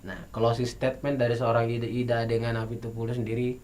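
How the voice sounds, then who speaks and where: A man's voice: mid-range voice, monotone, fast talker, darkish tone, slight background noise. A man with an Indonesian accent hosting a TV and radio talk show, upbeat and announcer-like, with some fillers.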